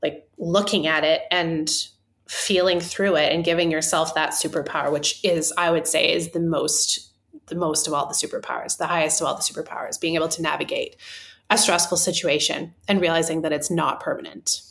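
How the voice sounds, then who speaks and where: A woman's voice: sits low, steady tone, a little fast, fairly bright tone. A woman in casual conversation, speaking in an encouraging, spiritual way with many fillers. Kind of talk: casual chat.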